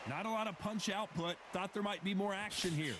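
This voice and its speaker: A man's voice: high-pitched, fairly quick, over a noisy crowd, lightly acted. A man performing as a keen boxing play-by-play commentator with punchy delivery. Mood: keen commentary. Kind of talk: sports commentary. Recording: loud arena noise behind.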